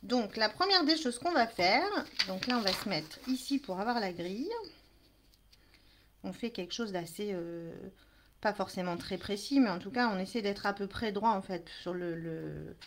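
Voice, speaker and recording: A woman whose first language is French hosts a live crafting demonstration, chatting with viewers and apologizing for camera trouble while she works. Her mid-range voice moves at a moderate pace, chatty and apologetic as she greets people, with slight background noise.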